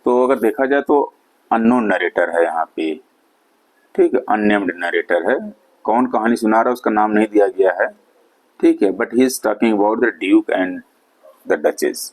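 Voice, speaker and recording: A man teaching literature, reading exam questions slowly and then explaining each answer in quick Hindi asides. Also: lowish voice, poor audio. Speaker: English literature lecturer. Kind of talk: exam-prep lecture in Hindi-English mix.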